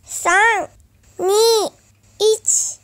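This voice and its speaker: Tiny squeaky cartoonish counter, a woman putting it on, drawn out real slow. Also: fairly even intonation, fairly bright tone, heavily acted. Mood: counting down.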